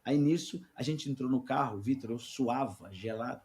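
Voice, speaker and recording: A middle-aged man, a sales mentor and podcast guest, telling a work story in lively casual conversation and acting out the people he quotes. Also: mid-range voice, normal speed.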